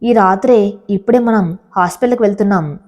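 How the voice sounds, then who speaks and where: A woman voicing a calm, gently firm young village wife, with a dark, mellow voice. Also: mid-range voice, brisk, lightly acted.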